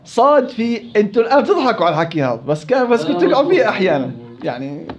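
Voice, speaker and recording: A man teaching Quran recitation rules to students in a classroom. He corrects them, repeats syllables to demonstrate each sound, and recites verses slowly. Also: high-pitched, very animated, faint music behind. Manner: slow, drawn-out recitation of verses. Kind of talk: tajweed lesson with students. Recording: dull lo-fi recording.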